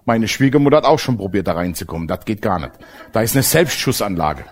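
A man preaching a sermon to a congregation, animated and direct, asking them questions and mixing in humor. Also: fairly low pitch, fast. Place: church service with congregation.

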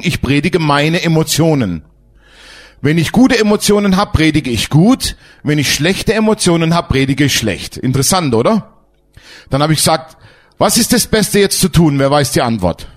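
A man preaching a sermon as pastor, emphatic and lively, asking his congregation questions. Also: a little high.

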